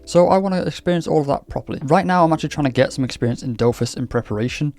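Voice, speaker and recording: A Welsh gaming YouTuber hosts a casual game commentary vlog, talking in a chatty, candid, lightly scripted way. His voice is a little high and a little mellow, and he talks rapid-fire over faint background music.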